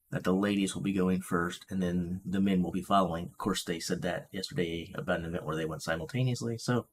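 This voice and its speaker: A man's voice: sits low, vocal fry, slight background noise. A man casually hosting a live watch-along stream, thinking aloud and muttering to himself as he fiddles with the stream controls.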